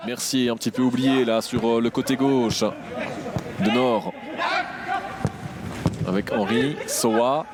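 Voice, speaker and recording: A man commentating live on football, building from measured calls to shouts. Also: medium pitch, steady tone. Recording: loud stadium noise behind commentary. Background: stadium crowd.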